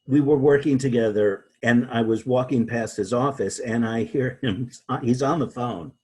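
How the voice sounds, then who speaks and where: A man being interviewed as a guest, talking in a halting way with many restarts and repeated words. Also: medium pitch, a little mellow, husky. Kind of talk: conversational interview.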